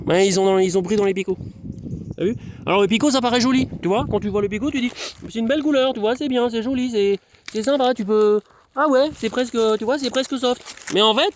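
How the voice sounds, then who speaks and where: A man's voice: high-pitched, noisy background. A young man vlogging outdoors in his garden, rambling playfully and talking straight to the viewer. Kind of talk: casual outdoor vlog chat.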